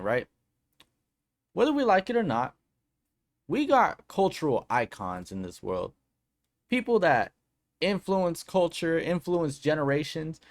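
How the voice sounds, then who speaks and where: A man hosting a casual commentary vlog who talks in an upbeat, slangy way and then reads a news article aloud. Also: on the high side. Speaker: political commentary vlogger.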